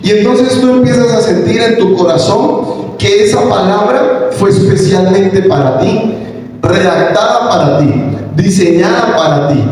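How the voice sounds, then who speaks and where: A man preaching a sermon as pastor, animated and sometimes shouting to stress a point. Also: sits high, a little slow. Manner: animated preaching, rising to shouts on key lines. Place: large church hall. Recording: echoey hall, picked up from a distance.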